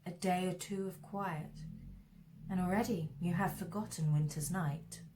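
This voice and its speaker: A woman voicing a commanding sorceress who speaks calmly, levelly and with quiet menace. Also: fairly low pitch, measured pace, a little hiss or hum, lightly acted. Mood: cold. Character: cold, commanding female sorceress.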